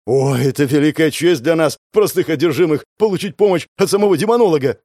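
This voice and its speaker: A man's voice: a little high, fast talker, a little mellow, no echo, studio quality, pitched above the performer's own voice, lightly acted. A man voicing a frightened, servile young male demon cultist who stammers and grovels, in an audiobook. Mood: eager servile. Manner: stammering, grovelling, eager to please.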